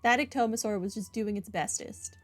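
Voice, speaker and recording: Over background game music, this gaming video host talks casually through a playthrough, reading prompts out loud and adding wry remarks. She has a mid-range voice, a steady tone, and a fairly quick pace.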